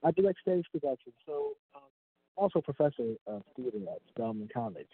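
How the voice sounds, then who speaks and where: A man's voice: medium pitch, animated, a little fast, husky. A man calling in as a guest over a phone line, chatting casually and chuckling. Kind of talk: casual chat. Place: indoors by a window.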